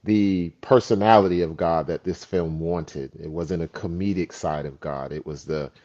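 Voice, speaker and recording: A man with a very low, deep voice talks through his thoughts in a relaxed chat, building his points slowly with stories. The sound is dull and a bit lo-fi. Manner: reflective, storytelling. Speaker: actor. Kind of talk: casual chat.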